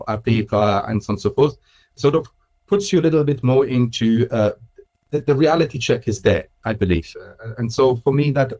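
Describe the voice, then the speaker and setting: A man's voice: mid-range voice, darkish tone. Swiss-raised man in his thirties, interview guest, thoughtful and chatty with easy laughs. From Switzerland. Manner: thoughtful, with frequent restarts and laughs. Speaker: guest, Islamic school director. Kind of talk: casual conversational interview.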